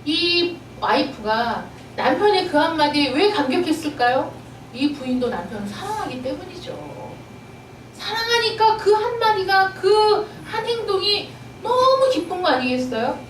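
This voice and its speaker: A woman's voice: extremely high pitch, very animated, unhurried, a little hiss or hum. A woman pastor preaching a sermon with emotion and emphasis, asking many rhetorical questions. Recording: roomy echo, distant mic.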